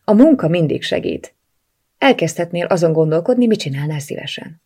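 A woman's voice: lowish voice, lively intonation, dark tone, slightly rough. A woman reading an audiobook voices a caring, outspoken young woman friend who talks earnestly and coaxingly. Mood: encouraging.

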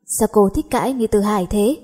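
A woman's voice: medium pitch, a little fast, warm tone, breathy edge, lightly acted. Woman reading as a brash teen rich boy. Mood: needling. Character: brash teenage schoolboy, arrogant rich heir.

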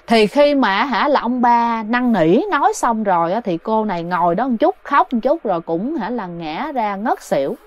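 A woman's voice: fairly high pitch, expressive, moderate pace, few pauses, dry recording. Lady telling a ghost story, talks right to the listeners, dry close sound. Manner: chatty, addresses listeners directly. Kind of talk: casual ghost story narration.

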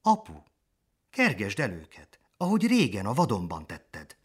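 A man's voice: fairly low pitch, wildly swooping pitch, slightly rough, exaggerated voice. A man voicing an eager young lion cub in a storybook reading, calling out in a raised voice.

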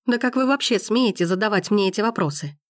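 A woman's voice: mid-range voice, fast, no room sound, studio quality, pitched above the performer's own voice, lightly acted. Woman voicing a fiery indignant young heroine. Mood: furious. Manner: heated, accusing, exclaiming.

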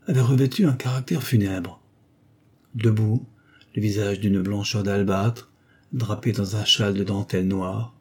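A man narrating an old novel in a measured, literary reading style. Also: medium pitch, warm tone, husky. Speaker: audiobook reader. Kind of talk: scripted narration of a 19th-century novel.

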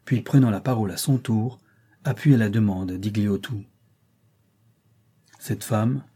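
A man's voice: medium pitch, dark tone, slightly rough. A man reading an adventure novel aloud with dramatic emphasis. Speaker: audiobook narrator.

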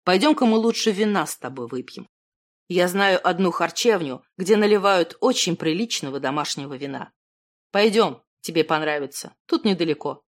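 A woman's voice: lowish voice, lively intonation, moderate pace. A woman voicing a self-deprecating thirty-year-old man, a failed artist who talks himself down. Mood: breezy. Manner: self-deprecating, fumbling, then heated.

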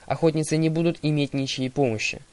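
A man's voice: a little high, steady tone, fast talker, a little mellow, lightly acted. A man reading the part of a proud young huntress girl who speaks curtly and commands. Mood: stern. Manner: curt, commanding.

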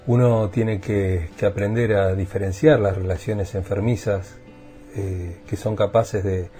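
A man hosting a reflective radio monologue, thoughtful and halting, often repeating words as he searches for them. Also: lowish voice, steady tone, mellow, soft background music.

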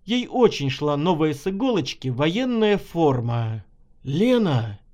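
A man's voice: on the high side, very animated, measured pace, a little mellow. A man narrating an audiobook of his own story, telling it expressively.

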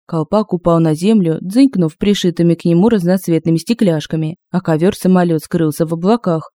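A woman narrating a humorous fantasy audiobook in a lively, expressive way on a close home mic. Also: lowish voice, fairly quick, slight background noise. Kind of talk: scripted narration. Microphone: close mic, home recording.

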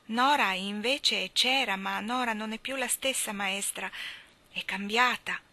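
A woman voices a quiet, sad little boy from a storybook. He speaks slowly and subdued, in a bright tone. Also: medium pitch.

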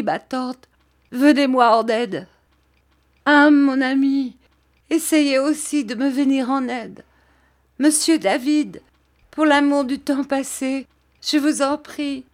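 A woman's voice: high voice, pitched above the performer's own voice. A woman voicing a tearful, remorseful young woman who pleads through sobs in an audiobook.

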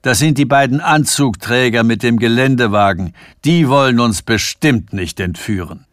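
A man's voice: medium pitch, moderate pace, dry recording, studio quality, close to an everyday voice. A man voicing a brash, jovial English academic who teases and cackles, read in a radio story. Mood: mocking.

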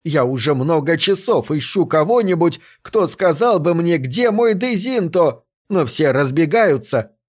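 A man's voice: on the high side, lively intonation, a little slow, hardly any pauses, pitched above the performer's own voice. A man voicing a meek, bewildered work robot in an audiobook, speaking in a plaintive, aggrieved way. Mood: upset, insistent. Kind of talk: audiobook reading of a science fiction story.

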